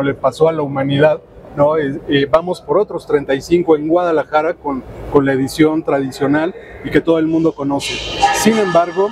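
A middle-aged Mexican man with a somewhat high voice answers questions in a businesslike way, often stopping on little filler sounds. He speaks into a lapel mic at a booth, and the steady noise of a crowded expo hall is clearly heard around him. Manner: businesslike, many filler pauses. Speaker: trade show director. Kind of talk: interview answers. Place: trade show booth indoors. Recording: noisy expo floor ambience.

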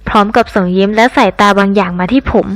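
A woman narrating a scripted audio novel in an even, storytelling way. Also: medium pitch, fast talker.

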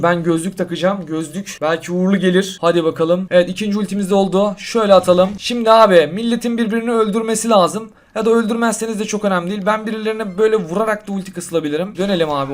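High-pitched young guy commentating his mobile game, gets worked up fast. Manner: excitable, quickly frustrated, addresses viewers as friends. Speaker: gaming YouTuber. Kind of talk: casual gameplay commentary. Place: hot room at home.

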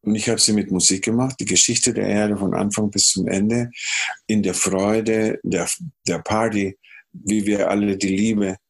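Chilean guy with a chilean spanish accent, music producer on a podcast, husky and lowish voice, acts out voices and hums melodies. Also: measured pace. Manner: animated storyteller who hums melodies and acts out dialogue. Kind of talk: casual podcast interview storytelling.

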